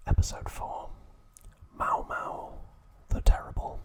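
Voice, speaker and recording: A man whispers close to the microphone as an ASMR host, narrating in short, hushed phrases. His whisper is breathy and unvoiced, and he speaks slowly and deliberately.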